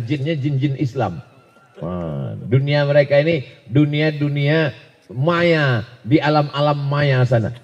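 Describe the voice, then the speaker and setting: A man gives a lively, joke-filled sermon at a mosque, his voice moving from quiet asides to booming exclamations. His pitch sits in the middle range for a man. A long reverb from the large prayer hall trails behind every phrase. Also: dull audio. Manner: jokey storytelling, swinging between soft asides and loud exclamations. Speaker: preacher. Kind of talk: humorous dawn sermon.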